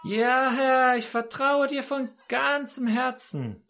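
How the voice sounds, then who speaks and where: A preacher voicing a panicked man who hangs from a cliff and shouts up for help. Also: very high voice, fairly even intonation, slow pace, vocal fry, pitched above the performer's own voice, exaggerated voice. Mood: desperate.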